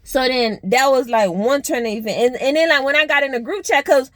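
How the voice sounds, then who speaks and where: A young woman vlogger telling a story in a blunt, animated, profane way. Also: high-pitched, a little fast, no echo. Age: young adult. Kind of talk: casual storytime vlog.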